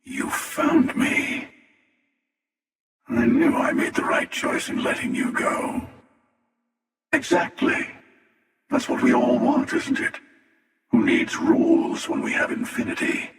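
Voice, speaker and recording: A man playing The Hunter, a cynical, menacing older villain in a video game, with a breathy rasp and a slow, sardonic, world-weary delivery. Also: extremely high pitch, huge pitch swings, a bit bright, exaggerated voice. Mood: wry, knowing. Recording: long echoing reverb, distant from mic.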